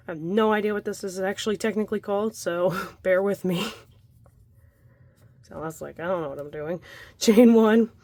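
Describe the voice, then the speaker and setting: A woman's voice: mid-range voice, a little mellow, dry recording. A young adult woman leading a casual crochet tutorial at home, chatty and laughing often, breathing heavily from the effort. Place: home room by a window.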